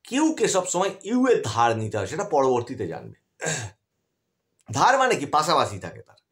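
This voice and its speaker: Male tutor, animated pitch, patient explainer, asks students questions. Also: normal speed. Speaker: English grammar teacher. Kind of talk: explanatory online lesson.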